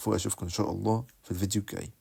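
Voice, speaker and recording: Egyptian male host, rapid sign-off, husky, lowish voice. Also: level tone, warm tone. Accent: Egyptian Arabic. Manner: quick, running sign-off. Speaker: channel host. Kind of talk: video sign-off.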